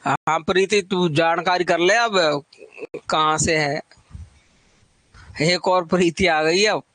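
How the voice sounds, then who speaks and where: A man with a high voice teaches a live online Hindi literature exam-prep class. He keeps the tone chatty, repeating lists of titles and teasing students by name as he goes. The recording is dry and close, with no room sound. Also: fairly even intonation, takes it slowly, fairly bright tone, no room sound.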